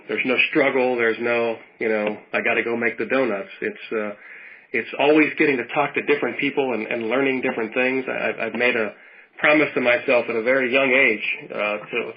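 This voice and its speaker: A man in his fifties from Western Pennsylvania, talking in an easy, rambling way and circling back on his words as he co-hosts a casual chat. His voice sits at an ordinary middle pitch. The sound is dull and lo-fi, like call audio. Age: 50s. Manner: rambling, warm storytelling with many restarts. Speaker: podcast co-host.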